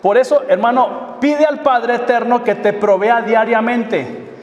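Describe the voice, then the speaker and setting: A man with a high-pitched voice preaches a sermon, firing rhetorical questions at the congregation. His voice rings through a large echoey hall with a long reverb, picked up from a distance. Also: steady tone, a little slow, dull audio. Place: church hall.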